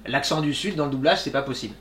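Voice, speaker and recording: A man in his thirties, a voice actor answering audience questions in a relaxed, chatty way, laughing often and filling pauses with "euh". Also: mid-range voice, a loud crowd. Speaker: voice actor guest. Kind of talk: casual Q&A talk. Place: small workshop room with audience.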